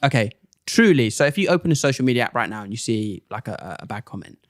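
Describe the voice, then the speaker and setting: A young comedian chats casually as a podcast guest, telling animated stories and acting out other people's lines. He talks fast in a mid-range voice, recorded with clean studio sound and no room sound.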